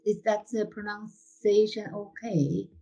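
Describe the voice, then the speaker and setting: Slow-speaking woman seminar chair. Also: mid-range voice, steady tone, mellow, lo-fi sound. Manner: hesitant, polite, many fillers. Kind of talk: moderating a seminar.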